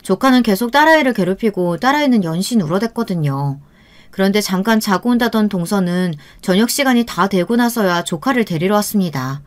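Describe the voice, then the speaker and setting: A woman's voice: mid-range voice, expressive, brisk. A woman narrating a true-life story in the first person in a plain, aggrieved, confiding tone.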